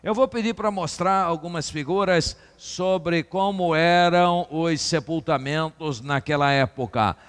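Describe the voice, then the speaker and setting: Male pastor, high voice, slow dramatic preaching, repetitive, long church reverb. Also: clear, resonant tone. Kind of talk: sermon. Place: church hall.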